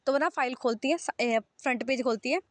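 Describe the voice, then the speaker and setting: A woman's voice: sits high, brisk, no room sound. A young woman narrating a love story in a casual, chatty way, often stopping to recap. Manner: chatty, recaps with "theek hai" and "matlab".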